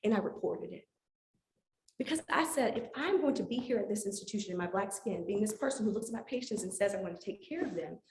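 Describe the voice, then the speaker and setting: A woman physician giving a talk to a live audience, telling her story with animated, acted-out dialogue. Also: fairly high pitch. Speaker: physician speaker. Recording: echoey room with faint noise.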